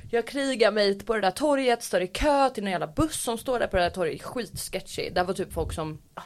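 A woman co-hosting a casual podcast, telling a story with animated energy. She acts out the voices of the people she quotes and swears freely. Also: mid-range voice. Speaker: podcast co-host.

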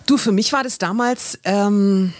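A woman's voice: medium pitch, a little slow, no echo. Candid woman in her forties, co-host. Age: 40s. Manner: candid, casual, hesitant with fillers. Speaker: radio co-host. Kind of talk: casual radio chat.

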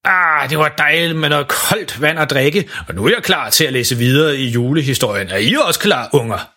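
Gentle storybook Santa of great age, read by a man, folksy and warm-hearted. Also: fairly high pitch. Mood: cheerful. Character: jolly old Santa Claus, calm storyteller.

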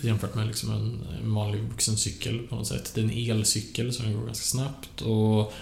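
Guy cohosting a crime podcast, lots of uh and restarts, low-ish voice, echoey room. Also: monotone, vocal fry, a little mellow. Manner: hesitant, many fillers and restarts. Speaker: podcast co-host. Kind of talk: casual true-crime podcast chat.

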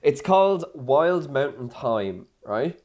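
A man's voice: mid-range voice, sing-song, takes it slowly, a little mellow. A man co-hosting a casual podcast chat, teasing and playful, laughing often. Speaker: podcast co-host.

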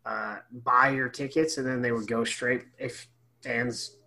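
A man's voice: medium pitch, fairly even intonation, measured pace, pushed and bright, slight background noise, rough recording. Filler-heavy man on a casual call. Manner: loose, filler-heavy, with many "like" and "um". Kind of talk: casual chat.

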